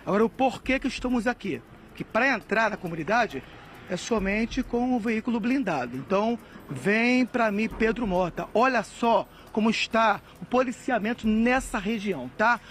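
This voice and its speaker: A man field reporter giving a brisk live news report outdoors in a city neighborhood. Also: high voice, animated, a bit bright, slight background noise. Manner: brisk, hands over to a colleague on air.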